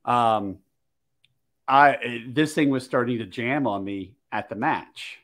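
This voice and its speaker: A man's voice: medium pitch, takes it slowly, a bit bright. A man from Maryland, hosting a podcast, telling a story in casual chat and acting out the quoted dialogue. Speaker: podcast host.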